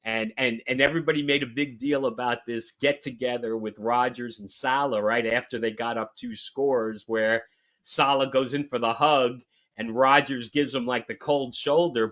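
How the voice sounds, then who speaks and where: A man's voice: medium pitch, measured pace, a bit bright. A man co-hosting a sports talk show, chatting casually and emphatically with lots of restarts. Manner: rambling, emphatic, frequent restarts. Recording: dull lo-fi audio.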